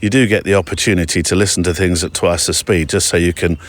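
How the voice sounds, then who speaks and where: A man hosting a podcast, reading a listener's letter aloud in a chatty, digressive way with quick asides. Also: sits low, steady tone. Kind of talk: casual storytelling read-aloud.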